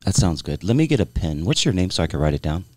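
A man chatting with a phone scammer in a playful, mock-friendly way, feigning sensitivity and warmth. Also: deep voice, big pitch swings, fast talker, dry recording, clean studio sound. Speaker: prank caller. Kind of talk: mock-friendly prank call chat.

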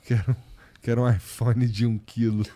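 A man's voice: medium pitch, level tone, moderate pace, dark tone, slight background noise. A man co-hosting a casual podcast chat, teasing with short replies.

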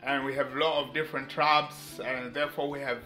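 A vlogger in his thirties from eastern Congo, whose first language is Mashi, chats casually to camera, laughing often and reacting with amused disbelief. His medium-pitched voice is flat, brisk, pushed, and bright. He's in a living room with shelves, where the room echoes and faint music plays.

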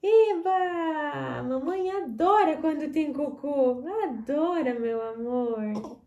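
Young woman, baby talk, very high voice, slow singsong delivery. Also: warm tone. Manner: soothing, singsong, repeats words. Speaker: mother and vlogger. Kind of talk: sing-song baby talk to her newborn.

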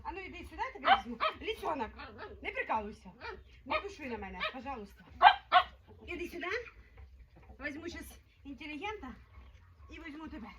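Lively high-voiced woman cooing at puppies. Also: a little fast, long pauses, slight background noise. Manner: playful baby talk to dogs, laughing. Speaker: dog breeder. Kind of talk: casual vlog talking to puppies.

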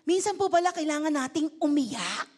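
Very high-voiced woman pastor preaching. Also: moderate pace. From Philippines. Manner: lively preaching that calls out to the congregation with repeated questions; polite and switches between Tagalog and English. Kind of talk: sermon. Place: church service.

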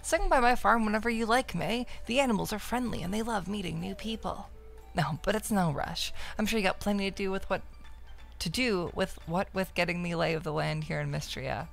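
A woman's voice: mid-range voice, a little fast, gravelly, soft background music, natural voice. A woman voicing a friendly, chatty small-town villager from a farming game.

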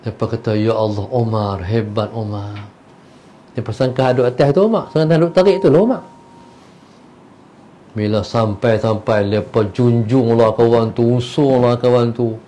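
A religious teacher tells a story in his lecture with lively energy. He shifts between sudden loud bursts and quiet, murmured asides. He slips briefly into the voices of the characters as he goes. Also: mid-range voice, moderate pace, slight background noise. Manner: animated, acts out the characters' voices.

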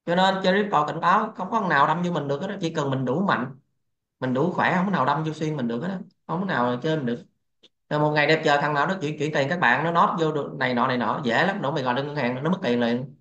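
A man's voice: fairly high pitch, quick pace, fairly bright tone. Brief: male crypto host, crude and lecturing, roomy echo, dull lo-fi audio. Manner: blunt, profane, lecturing. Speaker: crypto trading channel host. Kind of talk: casual livestream rant. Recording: echoey, dull lo-fi sound.

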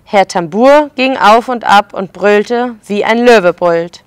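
A woman preschool educator reading a picture book aloud to children and pausing to explain the pictures. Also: mid-range voice, smooth, no echo.

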